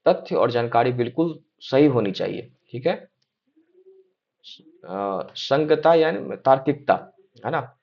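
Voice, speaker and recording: A man's voice: medium pitch, animated, takes it slowly, vocal fry, pauses often. A young man giving an exam-prep lecture, reading points aloud and checking in often with his listeners, with some hesitant fillers. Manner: repeats check-in tags like "है ना?" and "ठीक है?". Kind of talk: explanatory lecture. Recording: slightly dull lo-fi sound.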